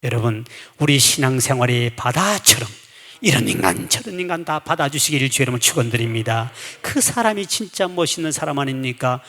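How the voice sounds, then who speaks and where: Folksy shouting Korean pastor in hall. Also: male voice, medium pitch, lively intonation, brisk. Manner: folksy, humorous, shouts for emphasis. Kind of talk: revival sermon with anecdotes. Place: church sanctuary. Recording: echoey church hall.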